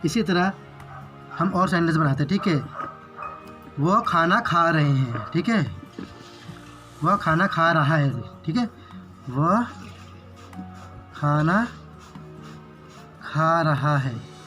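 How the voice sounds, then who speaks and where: A man teaching basic English grammar in Hindi, explaining each example slowly and repeating "ठीक है" after each one. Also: on the high side, animated, pushed and bright, soft background music.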